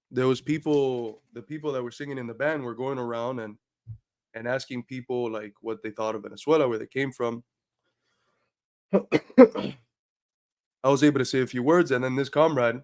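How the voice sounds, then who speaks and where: Feeling under the weather, a livestream host with a mid-range male voice talks earnestly and works up to emphatic points in casual stream chatter. There's no room sound.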